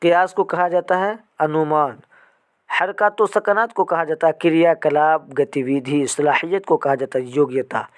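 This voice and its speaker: A man teaching an exam-prep vocabulary lesson, repeating each term slowly several times. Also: on the high side, fairly even intonation.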